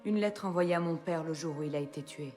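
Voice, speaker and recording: A woman's voice: low-pitched, darkish tone, lightly acted. Cold young templar woman, an actress voicing her. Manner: cold, measured. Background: game music.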